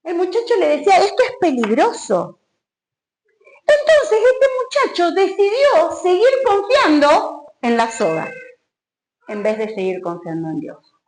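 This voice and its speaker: Woman, Rioplatense accent, pastor, sermon, animated high pitch. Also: a little slow, low-quality recording. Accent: Rioplatense Spanish. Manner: preaching with rising exclamations and dramatic retelling.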